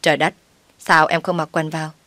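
A woman's voice: deep voice, flat delivery, a little fast, fairly bright tone, no echo. A woman voicing a dutiful young husband who placates those around him in a told story. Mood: placating.

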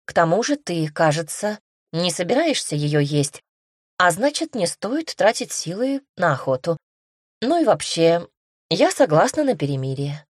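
A coy young woman pupil, playful and coaxing, fond of innocent-sounding pleas, as a woman narrator puts her on. Her voice lifts a little above the narrator's low tone. The recording is close and dry. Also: sing-song, unhurried, dry recording. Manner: playful, coaxing, a bit brighter.

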